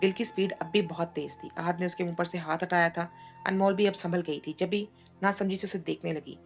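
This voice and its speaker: A woman narrating a story read aloud, in a steady storytelling way, with a gravelly voice. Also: lowish voice, brisk, faint music behind.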